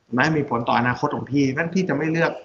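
A man's voice: medium pitch, very fast, lo-fi sound, slight background noise. A middle-aged man, a surgeon and company head, talking casually and animatedly in an interview, often checking with tag questions. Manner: chatty, animated storyteller, many tag questions.

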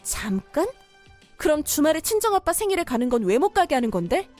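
A woman's voice: high voice, big pitch swings, a little fast, darkish tone, soft background music. A woman voicing a young married daughter-in-law who stays polite but firmly pushes back, in a cartoon story drama. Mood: indignant.

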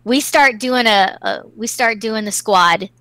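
Brief: chatty storyteller, woman, bright, tense voice, laughs a lot, swears casually, dry close sound. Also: on the high side, a little slow, dry recording, rough recording.

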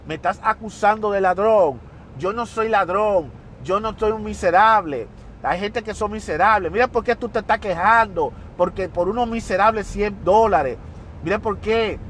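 A man's voice: high voice, normal speed, a bit bright, slight background noise. A man voicing José, an indignant male debtor who protests defensively and pities himself. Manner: defensive, self-pitying protest.

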